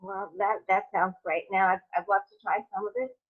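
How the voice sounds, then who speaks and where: Woman host, eager, trips over her words, husky voice, sounds like a phone line. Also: medium pitch, level tone, a little fast. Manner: eager, stumbling over restarts. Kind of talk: interview chat.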